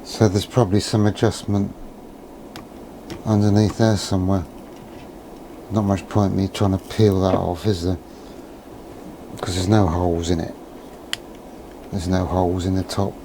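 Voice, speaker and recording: This hobbyist presenter's voice sits low and his delivery is flat and unhurried, broken by long pauses. He muses quietly through a casual electronics demo, thinking aloud and regularly questioning himself, with background noise in the recording.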